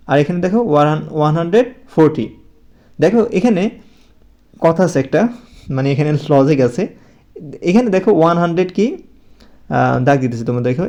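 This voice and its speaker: Brief: man, children's tutor, quick delivery, slightly high voice, patient, keeps checking with "okay?". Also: darkish tone. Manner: repeats numbers patiently, checks understanding with "okay?". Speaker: English tutor for young pupils. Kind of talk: casual spoken lesson.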